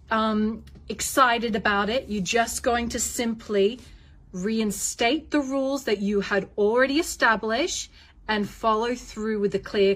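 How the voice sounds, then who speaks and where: A woman's voice: on the high side, fairly bright tone. A woman coaching parents in an instructional talk, firm and direct, repeating key points for emphasis.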